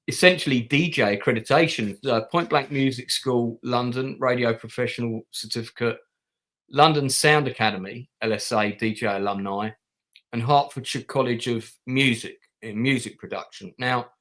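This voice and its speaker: A man's voice: medium pitch, moderate pace, fairly bright tone. Man, interview host, friendly, repeats words, casual questions. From Denmark.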